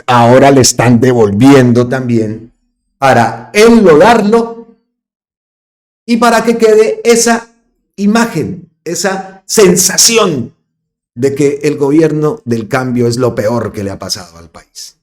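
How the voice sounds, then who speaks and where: A man's voice: mid-range voice, takes it slowly, darkish tone. Emphatic man giving commentary. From Colombia. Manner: emphatic, repeats phrases for stress. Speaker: host of an online political channel. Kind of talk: political commentary monologue.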